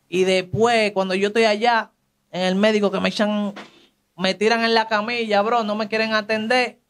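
A young man with a Dominican accent talks through his past in casual street slang. His voice sits high, and he jumps into the voices of people in the story as he tells it. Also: moderate pace, smooth. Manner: animated street slang, acts out quoted voices. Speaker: interviewee telling his life story. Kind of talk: casual testimony.

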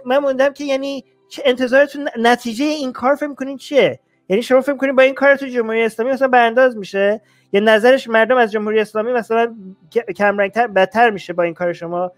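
A male host on a live stream, arguing with rhetorical questions and taking callers. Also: very high voice.

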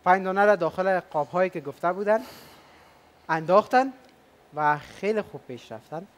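A man's voice: high voice, lively intonation. A man with an Afghan Dari accent hosting a game show, upbeat and chatty, coaxing the contestants with questions.

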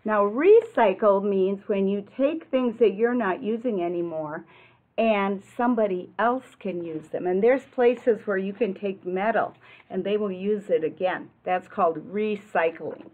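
A woman in her sixties from the U.S. gives a children's read-aloud of a picture book in a classroom, pausing for explanatory asides and questions aimed at her young audience. Her delivery is expressive and deliberate, her voice mid-range, and the sound muffled and webcam-like.

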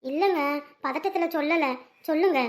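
A woman's voice: extremely high pitch, moderate pace, darkish tone. A woman playing an anxious village mother, pleading and laughing through tears. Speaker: mother of the girl. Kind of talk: village drama acting.

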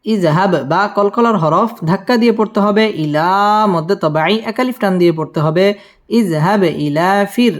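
High-voiced man teaching Quran recitation. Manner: syllable-by-syllable drilling with melodic recitation. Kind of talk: spelling out and chanting Quranic verses.

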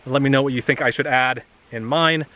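A man in his thirties casually talking through the items he keeps in his car, with a relaxed, chatty delivery and frequent "uh" fillers, recorded outdoors in a grassy clearing. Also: medium pitch, fairly quick. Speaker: vlogger. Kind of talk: casual show-and-tell.

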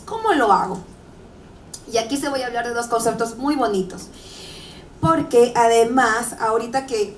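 A woman's voice: fairly high pitch, darkish tone, a little hiss or hum. A woman in her thirties gives a conversational motivational talk to university students, full of rhetorical questions and jokes. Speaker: motivational speaker. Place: large hall or auditorium. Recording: echoey hall, mic far off.

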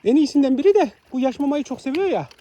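Man coaxing animals, lively voice. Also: very high-pitched, fast talker, a little hiss or hum. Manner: coaxing, repeatedly calling animals with a lilting voice. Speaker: animal feeder and vlogger. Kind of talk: casual vlog talking to animals and viewers.

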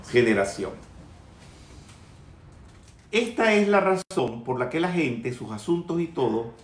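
A man's voice: a little high, echoey room, slight background noise. A man teaching a spiritual lecture in a trained, projected voice, scolding and teasing his listeners with humorous asides. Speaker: metaphysics teacher.

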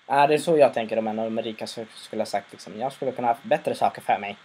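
A man's voice: mid-range voice, darkish tone, husky. A man casually retelling a story, rambling with fillers and restarts. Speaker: episode recapper.

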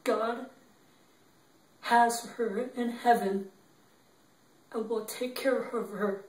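An actor playing a young man who gently consoles his grieving girlfriend, speaking in a halting, tearful, repetitive way. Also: extremely high pitch, steady tone, exaggerated voice. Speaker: actor in an improv demo reel. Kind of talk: improvised dramatic monologue. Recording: roomy, distant from the mic.

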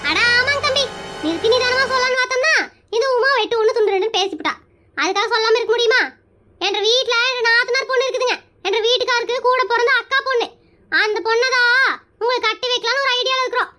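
A woman's voice: very high voice, fast talker, sharp tone. A woman voicing a pushy, chatty married aunt in a cartoon comedy, who plays matchmaker and talks. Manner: brash, nosy, rambling.

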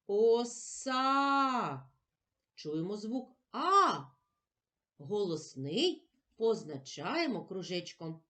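Slow, lively woman teaching children. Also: mid-range voice. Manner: clear, drawn-out sounding of letters and syllables. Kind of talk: slow lesson for young children.

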